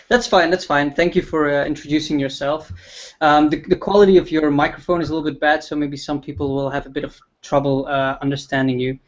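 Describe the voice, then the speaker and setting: A man hosting a relaxed livestream interview, talking with frequent ums and restarts. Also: a little high, fairly quick, lo-fi sound. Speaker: livestream host.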